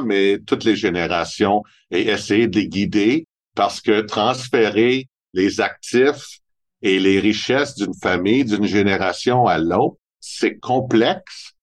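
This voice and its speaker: A man in his sixties with a Montreal French accent, a guest explaining his work in an interview, sometimes correcting himself mid-sentence. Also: fairly low pitch. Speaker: guest family advisor. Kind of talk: interview answers.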